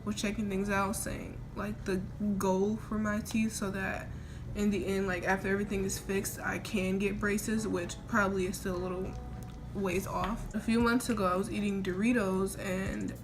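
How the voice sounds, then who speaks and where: A young adult woman vlogs casually over music, telling a rambling personal story and quoting herself while her mouth is sore from oral surgery. Her mid-range voice moves little in pitch and runs at normal speed. The homemade recording is noisy, with audible room ambience.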